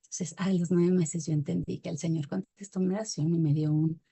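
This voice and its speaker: Gravelly-voiced woman giving a faith testimony. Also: on the low side, steady tone, fairly quick, mellow. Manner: reflective, hesitant, with many fillers. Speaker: testimony speaker.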